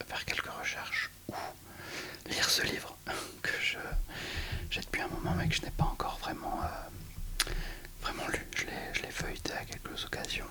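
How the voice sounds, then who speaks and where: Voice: moderate pace, long pauses. A person whispering a book presentation for ASMR, speaking in a hesitant, self-deprecating way into a close mic. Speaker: ASMR video creator.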